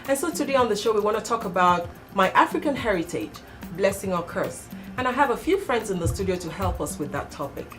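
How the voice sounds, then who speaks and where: A woman's voice: mid-range voice, lively intonation, a little fast, hardly any pauses, music in the background. A woman hosting a studio talk show, welcoming guests and steadily asking them questions.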